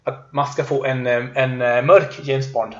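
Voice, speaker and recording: A man's voice: mid-range voice, steady tone, fairly bright tone. Guy rambling and joking on a podcast, echoey room, kinda dull lo-fi sound. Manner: joking, rambling, quick asides. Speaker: podcast co-host. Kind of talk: casual chat.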